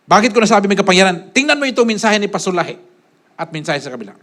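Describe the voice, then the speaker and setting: A man preaching a sermon as pastor, swinging between loud, forceful lines and hushed asides, often tossing a quick question to the congregation. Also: high voice, big pitch swings.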